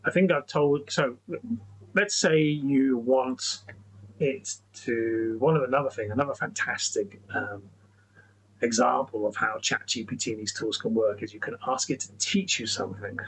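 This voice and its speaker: A tech educator with a husky, medium-pitched voice talks through a screen-recorded tutorial at normal speed. He's chatty and rambling, restarting sentences and often saying "okay, so." The recording quality is low.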